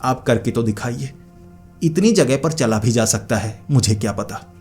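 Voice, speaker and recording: A man's voice: mid-range voice, measured pace, a little mellow, soft background music, natural voice. A man voicing a clever, fearful young female witch apprentice who pleads and questions. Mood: questioning.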